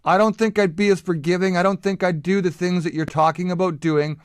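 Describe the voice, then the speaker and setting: A man's voice: sits high, steady tone, brisk, clean tone, dry recording, studio quality. A man hosting a talk show, arguing bluntly and emphatically, stumbling over repeated words when worked up. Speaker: podcast host. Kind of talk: heated conversational argument.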